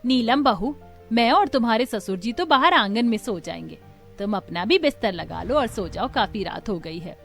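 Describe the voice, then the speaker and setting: A woman's voice: on the high side, expressive, normal speed, faint music behind. A woman voicing a kind, patient mother-in-law in a cartoon story, speaking in a coaxing, reasonable way.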